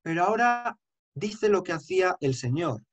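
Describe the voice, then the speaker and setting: In an unhurried, medium-pitched voice, a man lectures on chant as its teacher. He sings short passages to demonstrate his emphatic explanations.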